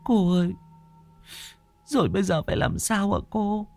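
A man's voice: high voice, moderate pace, creaky, a little mellow, soft background music, pitched above the performer's own voice. A man putting on a grieving, pleading mother. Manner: pleading, tearful. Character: grieving middle-aged village mother, desperate.

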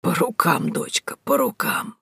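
A woman reader voicing a frail, bedridden old woman who speaks weakly, slowly and half in a whisper. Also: sits low, sing-song, vocal fry, breathy edge, no room sound, clean studio sound, full character voice. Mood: doubtful, weary. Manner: weak, slow, half-whispered. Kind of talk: audiobook character voice.

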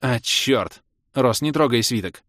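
A man's voice: medium pitch, animated, measured pace, a bit bright, dry recording, studio quality, voice pushed up. A man voicing a stern, commanding noblewoman who speaks sharply and hisses.

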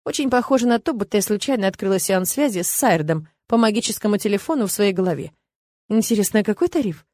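Woman narrating a novel, ironic and lively. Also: medium pitch, fast talker, dry recording, studio quality. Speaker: audiobook narrator. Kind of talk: first-person novel narration.

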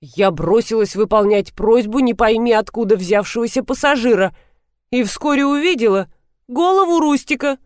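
A woman narrating a comic story as an expressive, lively audiobook reader. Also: a little high, normal speed, no room sound, clean studio sound. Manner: lively storyteller, animated reading.

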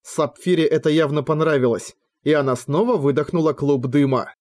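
A man narrating a fantasy novel as an audiobook in a measured storytelling manner, lightly voicing the dialogue. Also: a little high, darkish tone.

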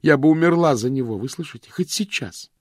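A man's voice: medium pitch, brisk, creaky, darkish tone, slightly rough, dry recording, pitched above the performer's own voice. A male reader voicing a desperate young woman who pleads breathlessly in a dry, close recording.

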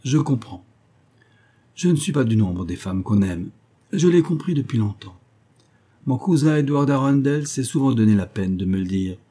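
A man's voice: mid-range voice, lively intonation, normal speed, dark tone, voice pushed up, close to an everyday voice. A man reading an audiobook, voicing a bitter, stern and unhappy young woman of twenty-three in an impassioned, raised tone.

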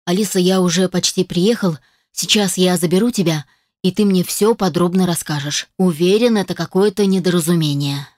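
A woman's voice: lowish voice, moderate pace, darkish tone, no room sound, clean studio sound, close to an everyday voice. A woman reading the lines of a worried, protective adoptive father in an audiobook, anxious and urgent. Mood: reassuring.

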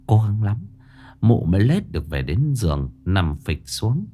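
Expressive male storyteller. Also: on the low side, a little slow. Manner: expressive, playful. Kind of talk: storytelling narration.

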